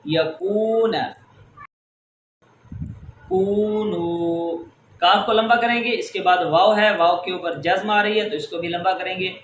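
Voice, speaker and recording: Man, Quran teacher, high voice, patient step-by-step explaining, echoey room. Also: hardly any pauses, fairly bright tone, slight background noise. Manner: patient, explaining rules step by step, drawing out example words. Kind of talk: tajweed lesson. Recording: echoey room with faint ambience.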